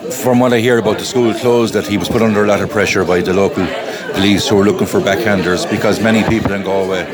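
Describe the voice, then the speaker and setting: A man's voice: on the low side, fairly even intonation, fast. A man from County Clare with a west of Ireland accent, reminiscing thoughtfully and hesitantly in an interview. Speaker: interviewee sharing memories of a friend. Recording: music and loud crowd behind. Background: music and crowd.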